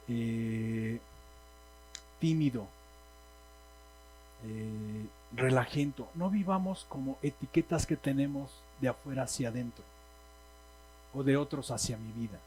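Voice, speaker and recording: A man with a Mexican Spanish accent preaches a sermon in a church hall, speaking emphatically and questioning the congregation. His voice is medium-pitched and a little mellow, on a low-quality recording with a little hiss or hum.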